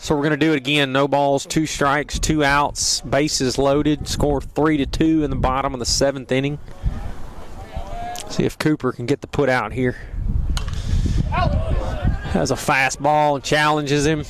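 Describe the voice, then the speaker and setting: A man's voice: medium pitch, unhurried. A man giving casual, rambling play-by-play commentary on a school baseball game, openly rooting for his team. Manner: relaxed, rambling, partisan for the home team. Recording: crowd noise at an outdoor ballpark.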